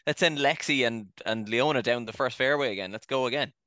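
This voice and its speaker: A man co-hosting a golf podcast, giving firm opinions in animated casual chat. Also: medium pitch, fairly quick, no echo. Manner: animated, opinionated, interrupts himself. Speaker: podcast co-host.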